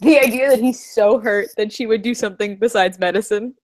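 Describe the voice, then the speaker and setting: A woman's voice: on the high side, a little fast, a little mellow. A woman co-hosting a casual podcast, enthusiastic and giggly, often acting out quotes. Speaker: podcast co-host. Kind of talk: casual rewatch chat.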